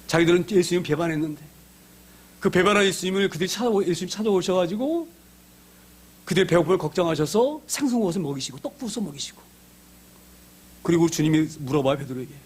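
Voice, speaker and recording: A man preaching an Easter sermon as a pastor, animated, swinging from soft asides to sudden loud outbursts as he acts out quoted words. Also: sits high, fast talker, pauses often, breathy edge.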